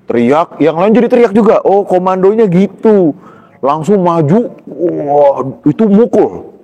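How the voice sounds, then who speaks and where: Guy telling his own story, gets loud and high at the dramatic bits, long reverb on it. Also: measured pace, lo-fi sound. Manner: animated storytelling, pitch jumps high in tense moments, laughs between lines. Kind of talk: personal testimony in casual talk.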